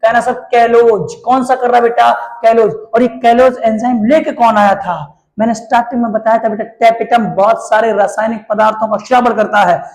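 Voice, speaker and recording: Male Hindi-accented biology teacher, very high voice, warm quizzing lecture style, stretches out terms. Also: fairly even intonation, moderate pace, rough recording. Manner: repetitive call-and-response questioning; affectionate, calls students little darlings. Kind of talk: classroom lecture.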